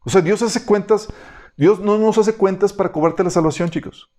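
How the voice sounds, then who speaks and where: A man's voice: sits high, moderate pace, mellow. A man teaching a Bible study in a conversational way, reading passages aloud and often checking that his listeners follow.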